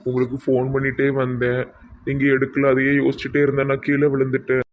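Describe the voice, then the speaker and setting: A man's voice: medium pitch, monotone, quick pace, a little hiss or hum, natural voice. A man playing a playful young prankster friend in a comedy skit, with a Tirunelveli Tamil accent and an earnest, apologetic manner. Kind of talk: amateur comedy skit acting.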